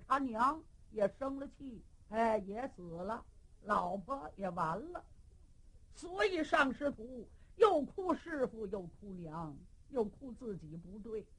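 A woman telling a traditional story, narrating in a dramatic, expressive way with a sung lament. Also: on the high side, slow pace, breathy edge.

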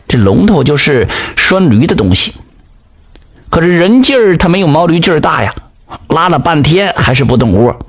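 A man with a Northeastern Mandarin accent telling a folk tale in a lively, colloquial way. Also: medium pitch, husky. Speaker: storyteller.

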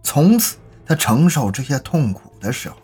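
A man tells a true-crime story as a podcast host, his husky voice moving widely in pitch. His delivery stays measured and grave. Soft music plays faintly underneath. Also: big pitch swings.

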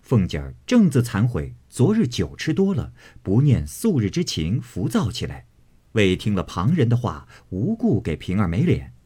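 A man narrating a classic novel as an audiobook in an expressive storytelling manner. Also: fairly low pitch, moderate pace, husky.

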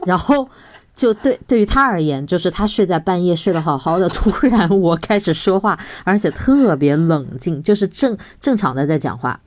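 A woman co-hosting a podcast in casual chat, telling stories with lively feeling. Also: on the low side, normal speed. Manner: lively storyteller, retells scenes with feeling. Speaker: podcast co-host.

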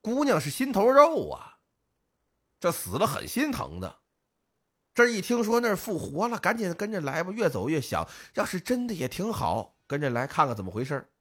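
A man, co-hosting a podcast and telling a folk tale in lively, casual speech, putting on the voices of the villagers. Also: high voice, normal speed, breathy edge. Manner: lively storyteller, acts out village voices, northern colloquial. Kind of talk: casual storytelling chat.

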